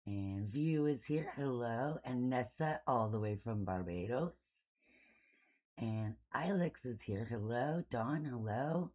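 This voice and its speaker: A woman with a very deep, mellow voice hosts a casual livestream as an art hobbyist. She sounds a little sniffly from allergies and rambles informally, tossing in self-deprecating asides.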